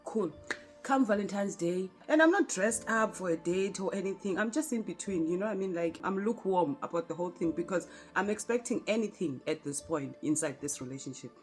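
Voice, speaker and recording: A woman's voice: lowish voice, expressive, a little fast. A South African woman tells a personal story in a casual storytime vlog. She is chatty and speaks right to her viewers, laughing often as she goes. Faint music plays behind her. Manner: chatty, talks straight to viewers with frequent laughs. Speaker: vlogger telling a story.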